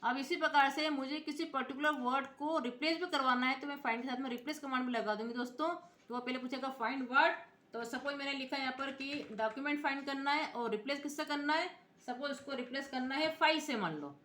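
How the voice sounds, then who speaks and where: Bright high-voiced woman teaching software. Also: fast. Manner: explains step by step, spells out letters, often checks in with viewers. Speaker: computer teacher. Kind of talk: screen-recorded software tutorial. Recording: echoey room.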